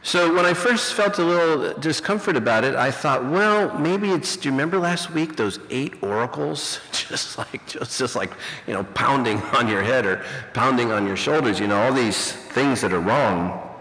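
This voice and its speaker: Middle-aged pastor on a fuzzy distorted recording. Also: male voice, medium pitch, lively intonation, moderate pace, bright, forceful tone. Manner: reflective, rambling, heavy on "you know". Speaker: pastor and teacher. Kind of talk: conversational sermon. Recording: distorted, reverberant hall recording.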